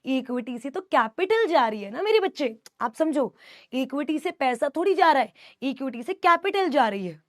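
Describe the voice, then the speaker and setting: High-voiced woman teacher, scolding fondly. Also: sing-song, normal speed, no echo, studio quality. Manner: affectionate yet scolding, mixing Hindi and English. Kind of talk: live online class, answering student doubts.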